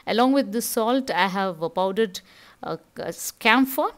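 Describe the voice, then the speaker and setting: A woman's voice: medium pitch, lively intonation, unhurried. A middle-aged woman with a Tamil accent, casually narrating her household routine in a chatty, explanatory way as a home vlogger.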